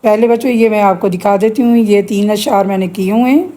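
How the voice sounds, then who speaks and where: A middle-aged woman with a Pakistani Urdu accent teaching a poetry lesson to students, explaining patiently and reciting verses slowly. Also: medium pitch, warm tone.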